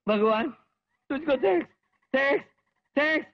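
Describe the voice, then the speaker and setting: A man's voice: very high voice, expressive, moderate pace, heavy background noise. An actor dubbing a lecherous, boastful and cowardly man who swings between pompous sneering and whining pleas. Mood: giddy relief. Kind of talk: Hindi film dubbing. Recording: dull film soundtrack with music.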